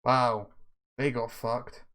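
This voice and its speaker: A man's voice: medium pitch, flat delivery, slow, fairly bright tone. A man with a mid-range voice chats in a blunt, informal way during a flight sim game. He mixes loose gamer talk with short pilot radio calls. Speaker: gamer flying in an online flight simulator. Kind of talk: casual gaming chat mixed with radio calls.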